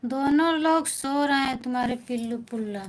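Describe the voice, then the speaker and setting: A woman with an Awadhi accent, a folk singer chatting casually with viewers on a live stream from home at night, greeting them warmly and answering their comments. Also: high voice, normal speed, poor audio. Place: at home at night, others asleep.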